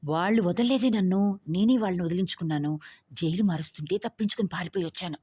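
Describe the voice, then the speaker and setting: A woman voicing a cocky young man on the run, brash and teasing, with a husky voice. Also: on the low side, fast talker, mellow, no room sound. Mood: cocky, hushed.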